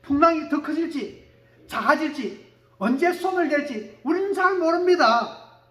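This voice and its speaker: A male pastor preaching a sermon, swinging from quiet asides to shouted declarations and calling for amens from the congregation. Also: very high-pitched, lively intonation, unhurried, roomy sound. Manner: calls for amen from the congregation.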